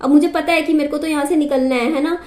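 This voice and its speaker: A young woman with a high voice tells a rambling everyday story to her viewers. She talks in a chatty way and circles back to repeat her points. The room around her is echoey. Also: steady tone, fast, a little mellow. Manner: chatty, repeats herself, asides to her child. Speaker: vlogger. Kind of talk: casual storytelling to camera.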